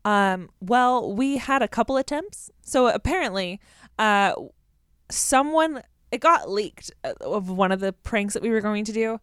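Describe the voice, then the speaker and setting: Clear-voiced woman telling a casual story. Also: mid-range voice, unhurried, dry recording, studio quality. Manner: animated, colloquial, heavy use of "like". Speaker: podcast co-host.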